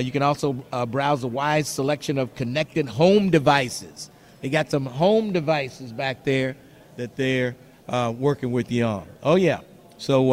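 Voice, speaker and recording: A male radio host with a fairly high voice runs a live contest promo. He repeats his key phrases and numbers for emphasis, talking to listeners and callers as he goes. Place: live broadcast booth at a trade show.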